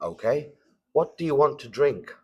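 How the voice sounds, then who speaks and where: A man's voice: medium pitch, expressive, moderate pace, mellow, breathy edge, dull audio. A man acting as examiner in a mock English speaking test, asking simple questions and patiently repeating and rephrasing them. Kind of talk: mock oral exam questions.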